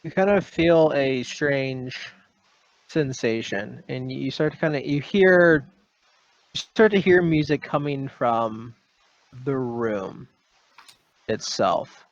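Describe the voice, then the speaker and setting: A man's voice: mid-range voice, slow, long pauses, no echo. A man running a tabletop horror game as game master, narrating in a hesitant, rambling way full of ums, on a dull lo-fi recording.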